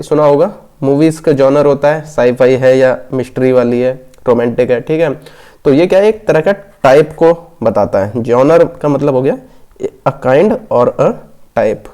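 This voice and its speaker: A man's voice: fairly high pitch, warm tone. A man going through exam questions in a Hindi-lesson, explaining each answer and checking in often. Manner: explanatory, frequent "theek hai" check-ins, reads questions slowly. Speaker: exam prep teacher.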